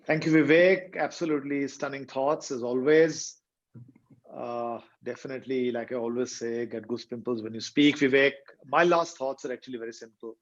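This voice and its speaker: A man's voice: medium pitch, moderate pace. A man co-hosting a webinar over a video call, praising the previous speaker before he gives his points. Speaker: co-host, university leader. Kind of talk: webinar talk. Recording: dull video-call audio.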